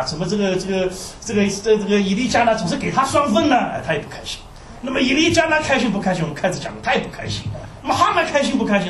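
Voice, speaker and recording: A man with a high-pitched voice preaches an animated sermon packed with rhetorical questions and frequent sighing exclamations. It's recorded from a distance in a roomy hall, with slight background noise.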